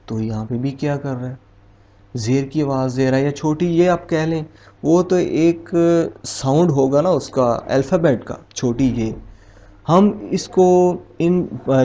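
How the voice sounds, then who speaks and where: A man with a mellow, relaxed voice teaches an English vowel lesson at a very slow pace. He explains patiently and repeats each example word one at a time. The recording sounds dull and lo-fi. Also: medium pitch.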